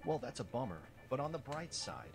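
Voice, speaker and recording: A male voice playing a scientist in an animated video, speaking with lively intonation. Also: medium pitch, moderate pace, vocal fry, over music. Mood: wry.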